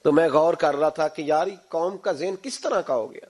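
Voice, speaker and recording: A man's voice: on the high side, darkish tone. A man preaching a sermon in a Pakistani Urdu accent, emphatic and full of rhetorical questions that rise on key points.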